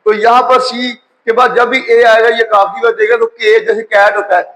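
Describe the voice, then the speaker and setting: A man. His tone is bright and forceful. He goes slowly, repeating each word and spelling it out letter by letter. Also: extremely high pitch, flat delivery, poor audio. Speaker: English teacher. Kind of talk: spoken grammar lecture.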